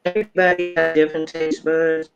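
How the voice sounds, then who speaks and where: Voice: mid-range voice, flat delivery, a little fast, creaky, highs cut off, loud music behind the voice. Teasing, blunt voice in casual chat. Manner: teasing, laughs along, blunt opinions. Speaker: friend in group chat.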